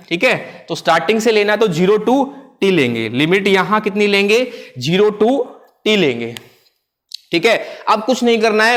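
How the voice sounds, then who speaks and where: This is a male physics teacher with a high voice. He lectures in a question-and-answer rhythm, calling the students "guys". He slips English terms into the lesson and draws out the key steps slowly. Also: a bit bright. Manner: asks the class questions and answers them himself, often saying "guys"; mixes English terms into the explanation and repeats key phrases slowly. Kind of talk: classroom lecture.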